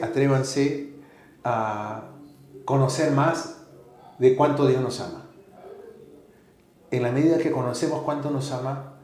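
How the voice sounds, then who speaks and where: A man from Peru telling a personal faith story as a guest, animated and acting out the voices of the people in it. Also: mid-range voice, echoey room, slight background noise. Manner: animated, acts out quoted voices. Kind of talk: storytelling testimony.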